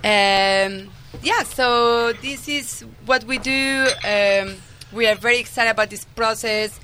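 Woman from Colombia, middle-aged, bright voice, steady explanatory pace, filler-heavy, radio guest. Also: a little high, slow, slight background noise. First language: Spanish. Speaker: winemaker guest. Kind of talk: radio interview.

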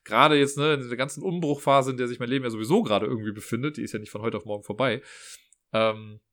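Fast-talking chatty man. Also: medium pitch, a bit bright. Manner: chatty storyteller, acts out dialogue, frequent "ne?" tags. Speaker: after-school care worker. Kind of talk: casual personal vlog monologue.

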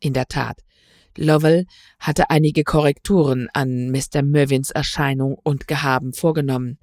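A woman reading a literary story aloud in a measured, even storytelling way. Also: extremely low pitch, dry recording, clean studio sound. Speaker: reader. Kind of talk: scripted narration of a literary story.

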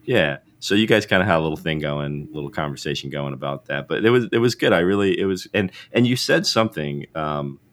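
A man with a very low, deep voice hosts a podcast over a remote setup. He sounds a little under the weather, his voice rough like he just woke up, and he rambles, restarts and chuckles as he talks. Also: lively intonation, a little fast, hardly any pauses, fairly bright tone. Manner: rambling, self-correcting, laughs often. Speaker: podcast host. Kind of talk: casual interview chat. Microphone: remote call setup.

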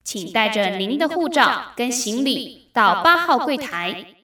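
A woman's voice: on the high side, animated, pushed and bright. A woman reading as an airport announcer over the intercom. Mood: formal. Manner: formal, measured announcement reading. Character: female airport announcer reading flight notices. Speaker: Chinese teacher. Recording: roomy, distant-miked echo.

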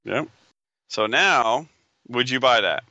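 Sharp, forceful-voiced man in casual banter. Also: medium pitch, expressive, takes it slowly, no room sound, dull audio. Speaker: podcast co-host. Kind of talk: casual chat.

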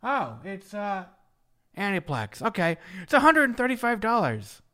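A man's voice: sits high, wildly swooping pitch, moderate pace, bright, forceful tone. A man hosting a casual podcast chat, rambling and trailing off with fillers as he talks about shows and releases. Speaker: podcast host.

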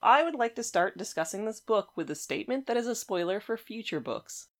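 A woman's voice: mid-range voice, expressive, fairly quick. A woman hosting a book podcast, chatting casually in a blunt, emphatic way. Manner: blunt and emphatic, laughs often. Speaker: podcast host.

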